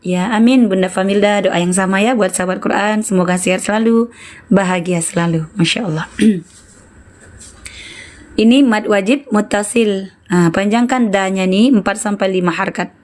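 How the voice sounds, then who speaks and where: A woman's voice: mid-range voice, moderate pace, a little mellow. A woman teaching Quran recitation in an online lesson, patiently correcting students and repeating syllables to model how they should sound.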